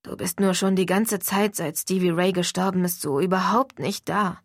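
A woman reading an audiobook voices a caring teenage vampire boy, speaking softly and low in a reassuring way. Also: steady tone, normal speed, dry recording, studio quality. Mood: tender.

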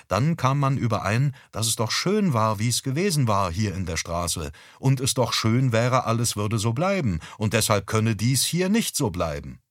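A man reading a humorous story aloud in a wry, expressive storytelling manner. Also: on the low side, no echo, studio quality. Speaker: audiobook reader.

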